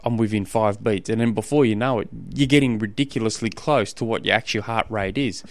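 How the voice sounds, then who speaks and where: A man's voice: lowish voice, brisk, no echo. A man with an Australian accent hosting a podcast, giving casual coaching advice in an informal, rambling way and often rephrasing himself mid-sentence. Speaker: podcast host and endurance sports coach.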